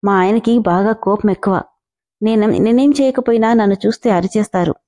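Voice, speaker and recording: A woman's voice: mid-range voice, moderate pace, warm tone, natural voice. Woman reading as a timid tearful young wife. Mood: anxious.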